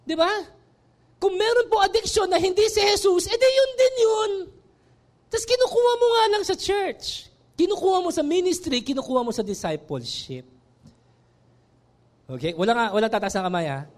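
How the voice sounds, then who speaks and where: A middle-aged male pastor preaching a sermon in an animated way, mixing in English. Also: very high voice, moderate pace, pauses often.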